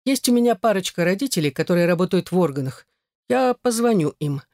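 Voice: medium pitch, lively intonation, brisk, a little mellow, dry recording, lightly acted. A reader voicing a confident male boss in an audiobook, dry and close. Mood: reassuring. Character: self-assured male boss, reassuring. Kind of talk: audiobook character reading.

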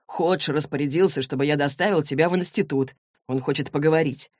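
A woman voicing a cool, self-assured young man in an audiobook, with a calm, slow, slightly lowered delivery. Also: dry recording, clean studio sound. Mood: cool, unbothered. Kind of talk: audiobook character voice.

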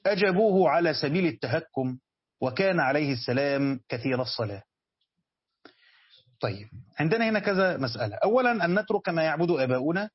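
A man's voice: mid-range voice, slightly rough, no echo, muffled recording. A man with an Egyptian Arabic accent teaching a Quran commentary lesson. He asks his students questions and then answers them himself. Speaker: religious teacher.

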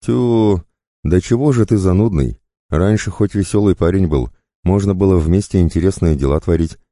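A man's voice: low voice, moderate pace, dark tone, no room sound, pitched above the performer's own voice, close to an everyday voice. A man voicing a wily, talkative male rogue who mocks and teases with fake cheer. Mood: jaunty teasing. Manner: jaunty, teasing, fake-cheerful.

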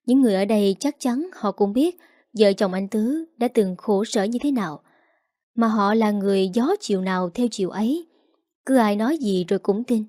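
A woman narrating a family drama story in a steady, plain reading voice. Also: mid-range voice, moderate pace, no room sound, clean studio sound.

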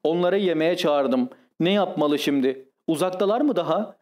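A man doing a bumbling, flustered gentleman. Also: fairly high pitch, animated, normal speed, muffled recording, natural voice. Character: sleepy, bumbling country gentleman husband.

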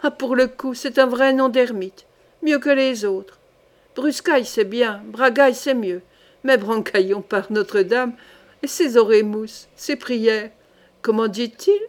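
A woman voicing a jovial old king who exclaims loudly in delight, in an audiobook reading. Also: a little high, moderate pace, lightly acted.

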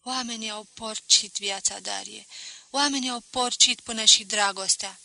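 A woman's voice: mid-range voice, steady tone, vocal fry, sharp tone, no room sound. A woman reading aloud voices a sad but firm young woman, speaking with urgent, pleading emphasis. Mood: bitter.

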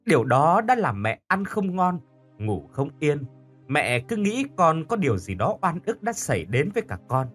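Man reading tearful mother, choked and pleading, rising pitch. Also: big pitch swings, normal speed, fairly bright tone, slightly rough, soft background music, exaggerated voice. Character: grieving mother, desperate and tearful.

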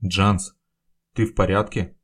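A man voicing a frantic hoarse older man. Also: sits low, level tone, slow, heavily acted. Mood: alarmed. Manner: urgent shouting. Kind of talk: audiobook character voice.

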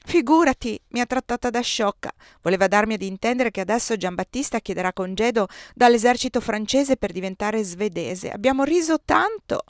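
A woman reading aloud, voicing a chatty, excitable young queen in high, animated tones. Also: no echo, studio quality, close to an everyday voice. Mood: excited chatter. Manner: quick, animated, raised.

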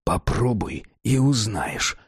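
A man voicing a contemptuous gunman who speaks coldly and slowly, with clipped words. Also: on the high side, expressive, darkish tone, dry recording, clean studio sound, pitched above the performer's own voice. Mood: cold anger. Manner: cold, slow, clipped, barking.

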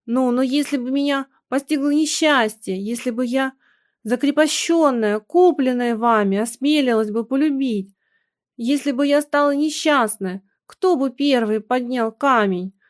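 A woman reading aloud, voicing a tormented, hysterical young wife in shrill, anguished outbursts. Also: steady tone, slow, fairly bright tone, no room sound, studio quality. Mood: furious.

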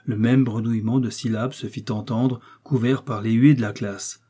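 A man reading a classic novel aloud as audiobook narration, in a measured, even storytelling delivery. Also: medium pitch, slightly rough.

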